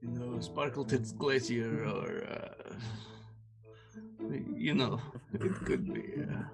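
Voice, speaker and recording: Male tabletop player, unhurried and halting, creaky voice, music behind him. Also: medium pitch, expressive, rough recording. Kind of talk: casual tabletop game chat.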